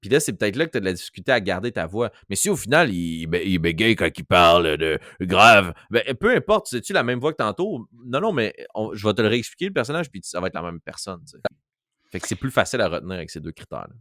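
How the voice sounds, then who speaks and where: A man's voice: lowish voice, sing-song, very fast, a bit bright, dry recording, clean studio sound. A man with a Quebec French accent, a game master chatting on a podcast and demonstrating voices as he explains. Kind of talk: casual podcast chat.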